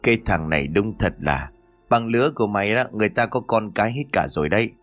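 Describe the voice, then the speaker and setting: A sharp-tongued middle-aged mother rattles off quick, nagging scolds, voiced by a man. The voice stays fairly low and plain. Soft music sits faintly behind this horror audio story. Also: animated, no echo. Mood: scolding.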